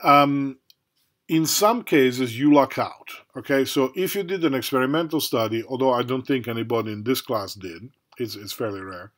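A middle-aged man gives a recorded university lecture in a relaxed, conversational way. His pitch sits at an ordinary middle level. He checks in with the class often and talks around his points with plenty of fillers. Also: moderate pace. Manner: conversational, many fillers and tag questions. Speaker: university professor.

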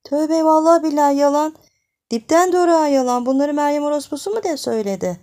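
A young village wife pleads in a frantic hush, her voice pushed high and urgent, as a woman narrator puts her on. The tone stays dark and gravelly underneath, like a storybook reading turned tense. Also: normal speed, natural voice. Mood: pleading.

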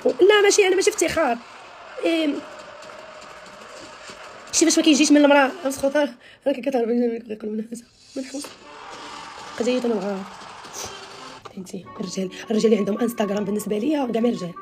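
Live streaming from a small room with her phone at arm's length, a social media personality in her thirties chats animatedly with followers in a Moroccan Arabic accent. Her slightly high voice races but pauses often, and she's emphatic, gesturing a lot. There's a little hiss or hum on the recording.

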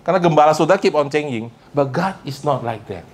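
A male pastor delivers a lively sermon, his pitch leaping high and dropping low for emphasis. He switches freely between two languages and keeps prompting the congregation to answer him. Faint ambient noise hums behind him in the church. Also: quick pace. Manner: mixes Indonesian with English phrases; animated and emphatic, with big pitch swings. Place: church service before a congregation.

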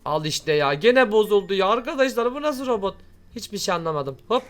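A man's voice: high-pitched, animated, a little fast, heavy background noise. A man hosting Minecraft role-play commentary in an exclamatory way, urgently repeating his phrases. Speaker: host of a gaming channel.

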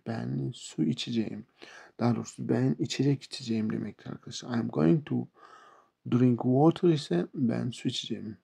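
Gravelly-voiced Turkish man teaching English. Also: mid-range voice, warm tone. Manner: slow, repeats words and example sentences. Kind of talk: explaining English verbs to beginners.

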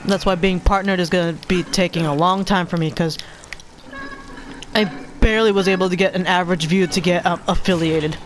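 A woman's voice: on the low side, fairly even intonation, brisk, slight background noise. A woman streaming a video game, rambling casually between gameplay and swearing freely. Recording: voice over game music.

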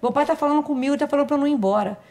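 Woman doing a small innocent boy, high and insistent, begging his mother. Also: very fast, creaky, darkish tone. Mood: insistent pleading. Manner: pleading, high childish voice. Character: four-year-old boy, insistent, innocent.

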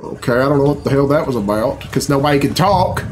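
A reaction video host in his thirties talks fast and animatedly in a medium-pitched voice, grumbling, puzzled, and swearing freely in off-the-cuff commentary. He's in a small furnished room at home, with game cutscene music and sound making the background noisy.

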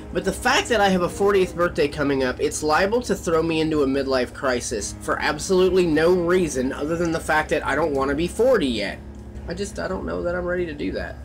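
Rambling and musing, a male vlogger in his late thirties chats casually with his viewers from a small gas station kiosk, filming himself on a handheld phone held close at arm's length. His voice is on the high side, yet it sounds far from the mic, and the recording quality is low.

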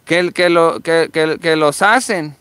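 A woman's voice: deep voice, unhurried, fairly bright tone, clear, resonant tone, no echo. A middle-aged woman, the mother, chatting in a supportive way and often repeating herself as she talks. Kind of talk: casual conversation.

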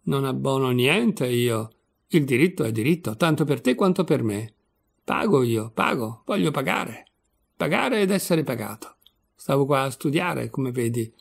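A placid old lawyer, put on by a male reader in an audiobook, lecturing with smug calm. The voice is gravelly and sits at a middle pitch. He stays unhurried and pompous. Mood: stern insistent. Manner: calm lecturing tone, calls others "my son".

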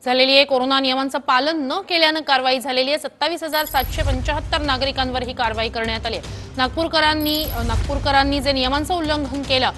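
A woman's voice: high voice, steady tone, quick pace, a bit bright, faint music behind. A woman news anchor presenting a story and handing over to a reporter in a formal manner, with brief hesitations.

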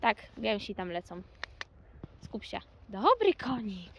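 A woman vlogging as she lunges a young horse in an outdoor ring, talking calmly to the camera and calling commands to the horse. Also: medium pitch, takes it slowly, a little hiss or hum. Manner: coaxing, calls horse commands loudly. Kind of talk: casual talk while lunging a horse.

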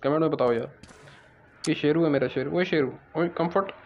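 A man's voice: fairly high pitch, fairly quick, highs cut off, a little hiss or hum. A young man giving casual, joking gameplay commentary and chatting to his viewers. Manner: joking, excitable, talks to viewers. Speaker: gaming channel host.

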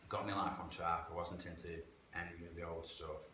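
Speaking a little fast in a level tone, a low-voiced man gives candid personal testimony as a guest telling his life story. He's frank and plain-spoken, chatting with local slang. A distant camera catches him in a medium-sized church hall, echoey with background hiss.

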